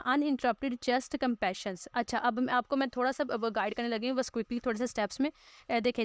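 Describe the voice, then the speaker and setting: A Pakistani woman teaching a school lesson, explaining slowly with fillers and repeating herself, mixing English textbook lines into her talk. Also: fairly high pitch, clear, resonant tone, dry recording.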